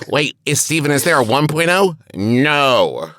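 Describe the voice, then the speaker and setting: A man's voice: fairly high pitch, measured pace, dry recording, studio quality. A man co-hosting a comedy podcast, joking and often breaking into laughter. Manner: animated, often bursting into laughter. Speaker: podcast co-host.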